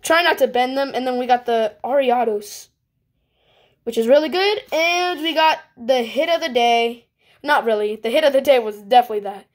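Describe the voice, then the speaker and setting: A woman vlogging casually as she opens trading cards, chatty and excitable, swinging quickly between groans and cheers. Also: a little high. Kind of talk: casual unboxing chat.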